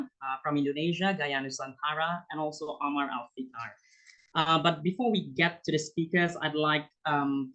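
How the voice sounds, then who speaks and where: A young man, a student intern, moderating a virtual panel with formal, halting introductions. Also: a little high, sharp tone, low-quality recording. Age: young adult.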